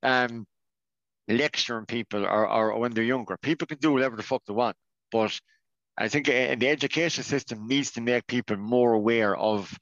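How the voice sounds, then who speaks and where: A man's voice: medium pitch, normal speed, a bit bright, no room sound. Earnest Irish man, dull dry audio. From Ireland. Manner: earnest, many restarts and fillers. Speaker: podcast guest. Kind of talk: casual conversation.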